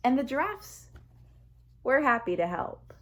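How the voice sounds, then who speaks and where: A woman with a high voice reads a children's picture book aloud, telling the story expressively and deliberately.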